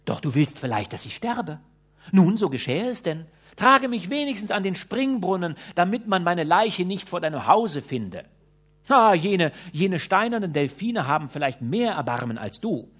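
A man's voice: on the high side, very animated, takes it slowly, vocal fry, a bit bright, breathy edge, full character voice. A man reading an audiobook voices a frail young lady who wails and pleads plaintively. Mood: desperate pleading. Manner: wailing, plaintive.

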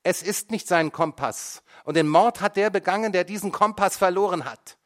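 A hysterical mother screeches her accusations in a courtroom scene of a storybook reading, put on by a male narrator. The voice jumps far above his own and grows louder and wilder, sharp and shrill. Every line is an attack. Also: animated, normal speed. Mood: accusing.

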